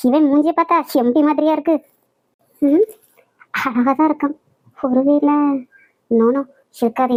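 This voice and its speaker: A woman voicing a brash, high-pitched young heroine. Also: natural voice, rough recording. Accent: Nagercoil Tamil. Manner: loud, scolding, quick-tongued. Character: feisty young woman job-seeker, brash and fearless. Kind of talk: cartoon voice acting.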